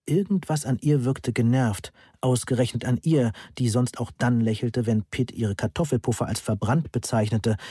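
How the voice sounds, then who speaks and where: A man reading a German audiobook in first person, with a measured, wry delivery. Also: mid-range voice, dark tone, husky, no echo, studio quality. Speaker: audiobook narrator.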